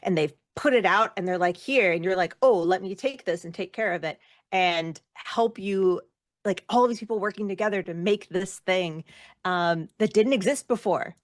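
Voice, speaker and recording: An actor and former rock singer chats informally as an interview guest, her mid-range voice at normal speed as she gushes emphatically about loving the work. The studio audio is clean with no echo.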